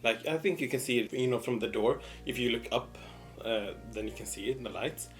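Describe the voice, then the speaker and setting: A young man with a medium-pitched voice tells a personal story in a casual, conversational way. He repeats words for emphasis and animatedly replays quoted exchanges. Music plays behind his voice. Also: a little fast. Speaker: mukbang storyteller.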